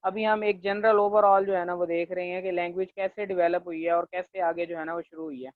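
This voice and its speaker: A male linguistics lecturer teaching a class, leaning on fillers and checking in often, and slowing down to dictate definitions. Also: high-pitched, level tone, no room sound. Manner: leans on the filler "jo hai na" and checks in with "theek hai"; slows down to dictate English definitions. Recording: tinny, dry, phone-like recording.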